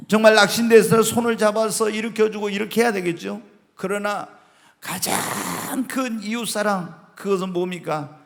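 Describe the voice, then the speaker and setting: A man's voice: high-pitched, gravelly, a bit bright, long reverb tail. A man preaching a sermon as senior pastor, emphatic, often asking the congregation questions and reading scripture aloud. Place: church sanctuary.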